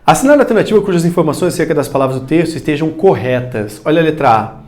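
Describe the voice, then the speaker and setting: A Brazilian man teaches a recorded video lesson, addressing the viewer directly. His voice sits a little high and swings widely in pitch. He loudly calls out example words now and then. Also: lively intonation, rapid-fire. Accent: Brazilian Portuguese. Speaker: Portuguese teacher.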